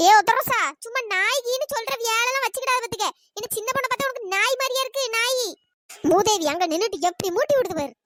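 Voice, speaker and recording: Shrill, sly cartoon village troublemaker, fast-paced, woman voice actor. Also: fairly bright tone, dry recording. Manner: scolding, sly and gossipy. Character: meddling village woman stirring up fights. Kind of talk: cartoon voice acting.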